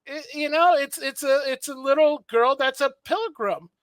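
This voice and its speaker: High-voiced eager woman, dry sound. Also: moderate pace, dry recording. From South America. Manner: eager, defensive, many restarts. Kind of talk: casual debate chat.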